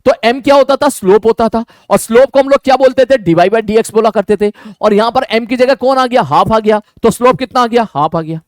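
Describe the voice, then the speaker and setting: A man with a fairly high voice teaches maths in a Hindi lecture. He talks casually, asking his students questions and answering them himself. The recording is close and dry, with no room sound. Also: brisk, few pauses, dry recording.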